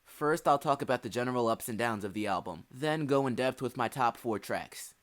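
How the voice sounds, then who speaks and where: Over a faint music bed, a young man hosts his own album review video. His mid-range voice is fairly quick with lively intonation. The review is scripted and earnest, broken up by dry asides.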